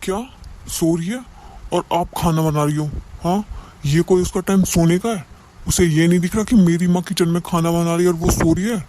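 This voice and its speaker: A man's voice: high voice, normal speed, dark tone, slight background noise, close to an everyday voice. A man voicing a young, hot-headed husband in a cartoon, indignant and stern.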